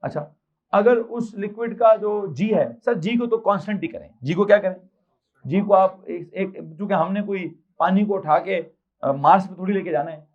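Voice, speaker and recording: Man, Pakistani Urdu accent, physics lecture, high voice, self-quizzing, dull lo-fi sound. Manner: quizzing, answers his own rapid questions. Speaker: physics teacher. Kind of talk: classroom lecture.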